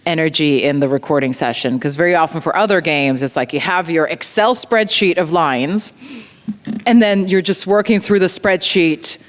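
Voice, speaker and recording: A woman's voice: sits low, normal speed. A woman from Slovenia, a voice actor chatting animatedly on a convention panel and laughing often. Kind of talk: casual panel Q&A. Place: large convention hall. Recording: long hall reverb from a panel PA.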